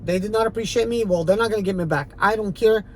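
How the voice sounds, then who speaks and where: With a mid-range voice and a quick pace, a Ukrainian rideshare driver from the former Soviet Union speaks in an Eastern European accent to a channel audience. His casual monologue is defiant, emphatic, and rambling, full of fillers, with a little hiss or hum in the recording.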